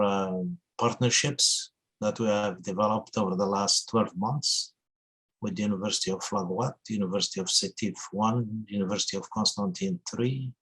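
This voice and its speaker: Man, 60s, husky and fairly low voice, university director speaking haltingly in a webinar. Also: rough recording. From Algeria. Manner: hesitant, frequent filler pauses. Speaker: university international programs director. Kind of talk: webinar remarks.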